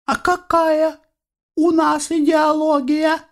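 A man's voice: very high-pitched, flat delivery, slow pace, pitched above the performer's own voice, full character voice. A man voicing a flustered female artificial helper in an audiobook reading. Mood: puzzled. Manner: startled, questioning.

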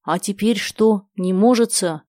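A woman voicing an elderly, sympathetic saleswoman who fusses in a raised, loud voice. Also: mid-range voice, unhurried, dry recording, studio quality, voice pushed up, lightly acted. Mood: fussing.

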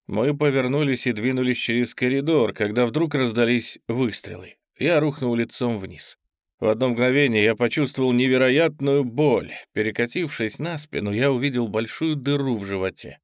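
A man narrating an audiobook in an even, measured reading voice. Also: mid-range voice, no echo, studio quality.

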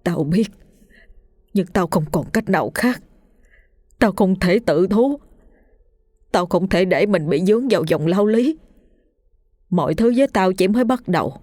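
A shaken young man, stammering and trembling with guilt, as a woman puts him on in a storybook reading. His voice sits low and stays close and dry. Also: unhurried, long pauses, darkish tone, no room sound. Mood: panicked guilt. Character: young man, a frightened guilt-ridden office manager.

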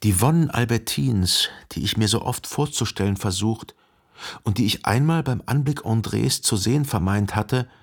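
A husky, fairly low male voice narrates a literary radio drama in the first person, playing a brooding, jealous, introspective man in love. Absorbed and analytical, he speaks in a reflective, measured way with long, deliberate sentences.

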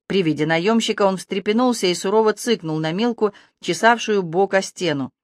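Audiobook narration, fantasy adventure, expressive reading, medium pitch, dry close recording. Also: normal speed, no echo. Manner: lively expressive reading that shifts pitch and loudness for action.

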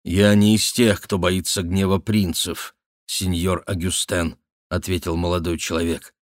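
A proud, passionate young nobleman, voiced by a male reader speaks with force and emphasis. The voice is somewhat low and recorded close and dry. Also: little pitch movement, measured pace, no echo. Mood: confident.

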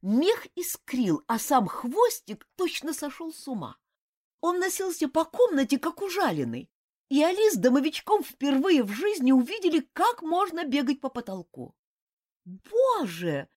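A woman narrating a fantasy audiobook in an expressive, animated reading. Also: high-pitched, normal speed. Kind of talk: scripted narration of a fantasy novel.

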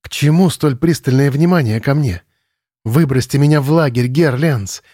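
A man reading the part of a quiet, defiant young woman prisoner of war in an audiobook, speaking calmly and softly. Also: mid-range voice, normal speed, no echo, clean studio sound, lightly acted. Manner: calm, soft, steady.

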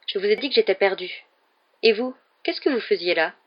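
A woman's voice: mid-range voice, a little fast, slightly rough, dull audio, natural voice. A woman voicing an earnest, flustered young boy wizard in an audiobook reading.

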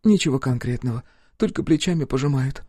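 Give me a man playing a calm, steadfast wife, husky and dry. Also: medium pitch, brisk, no room sound, pitched above the performer's own voice. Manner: firm and calm. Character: worried wife at a hospital bed, steadfast.

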